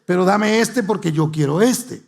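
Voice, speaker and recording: Man doing a covetous, petulant king, higher and slower than his own voice, a little gravelly. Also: darkish tone. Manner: pleading, whiny, covetous. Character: greedy sulking king, grown man.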